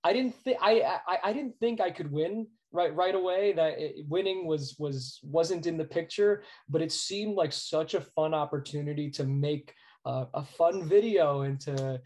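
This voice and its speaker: With a fairly high, a little mellow voice at normal speed, an American man recounts stories as an interview guest. The sports arena announcer sounds earnest and emphatic and tends to repeat words along the way.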